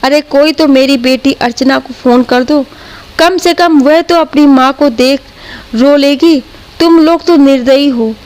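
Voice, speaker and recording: A woman's voice: high-pitched, unhurried, darkish tone, rough recording. A woman voicing an angry elderly father in a spoken story, indignant and raised. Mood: grieving.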